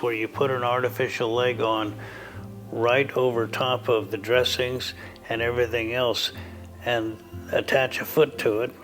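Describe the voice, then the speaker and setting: Calm guy, a surgeon, talks real slow and measured, mid-pitched voice. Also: low-quality recording. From United States. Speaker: orthopedic surgeon. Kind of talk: interview recollection.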